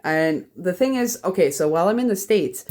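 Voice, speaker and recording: A young Canadian woman telling a rambling, profane convention story in a casual vlog, a little tipsy from whiskey. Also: a little fast. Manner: rambling, profane, animated jumps in pitch. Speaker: vlogger, horror collector.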